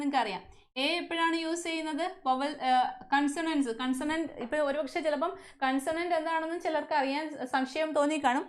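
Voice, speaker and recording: High-voiced Malayali woman teaching a class. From Kerala, India. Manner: asks the class many questions and answers them herself. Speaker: English teacher at a coaching centre. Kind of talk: classroom lesson.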